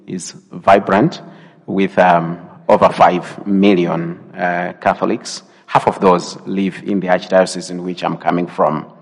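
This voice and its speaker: A man from Malawi with a Malawian accent, a visiting priest introducing himself to a congregation in a measured way. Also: low voice. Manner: measured, with frequent um and uh. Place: church. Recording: long church reverb.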